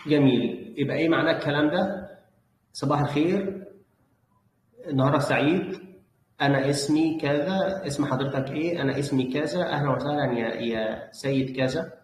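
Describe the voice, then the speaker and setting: A man with an Egyptian Arabic accent teaches an online German lesson, patiently correcting pronunciation by repeating words. His voice is on the high side at normal speed, recorded in a roomy space with faint background noise.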